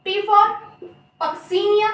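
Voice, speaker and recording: High-voiced young woman teaching, echoey. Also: a bit bright, distant mic. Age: young adult. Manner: chatty, apologetic, repeats terms slowly. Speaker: biology teacher. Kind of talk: casual Hindi lecture with mnemonics. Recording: echoey room, voice off-mic.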